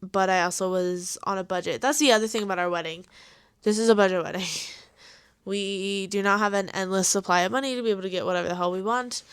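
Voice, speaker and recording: Smooth-voiced American woman, chatting casually. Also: medium pitch, no room sound, clean studio sound. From Colorado, United States. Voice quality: soft R's, not fully pronounced. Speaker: podcast host, bride-to-be. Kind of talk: casual chat.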